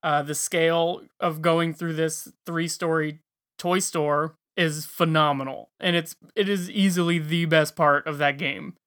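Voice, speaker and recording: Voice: mid-range voice, steady tone, unhurried, fairly bright tone. A podcast co-host chatting casually and fondly about games, with a dash of sarcasm. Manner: enthusiastic, fond, a bit sarcastic. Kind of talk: casual gaming podcast chat.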